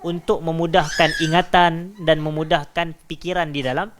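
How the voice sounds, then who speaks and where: A man's voice: level tone, a bit bright. Malaysian man giving a scripture lesson. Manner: recites Arabic verses slowly, then explains them word by word; raises his voice for emphasis, then drops low. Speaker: religious teacher. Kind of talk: religious lecture explaining scripture.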